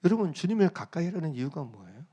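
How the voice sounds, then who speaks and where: A man's voice: on the high side, sing-song, quick pace, mellow, breathy edge. A male pastor preaching a sermon, emphatic, repeating his phrases and putting questions to the congregation.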